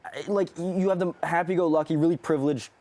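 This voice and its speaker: A man's voice: on the high side, fast talker, a little mellow. A young man from Canada, an actor guest on a TV interview, talking in an easygoing, rambling, self-deprecating way.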